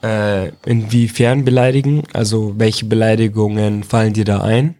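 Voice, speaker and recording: With a warm, lowish voice that barely moves in pitch, this Iraqi interviewer speaks at a moderate pace, and there's no room sound. His manner with the young people he questions is relaxed, and he keeps restating his questions in new words.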